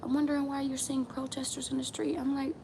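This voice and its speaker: This New Mexico woman runs a tarot channel and talks fast in a high-sitting, gravelly voice during a casual vlog. She is emphatic, repeats her lines, and swears now and then, with steady ambient noise in the background.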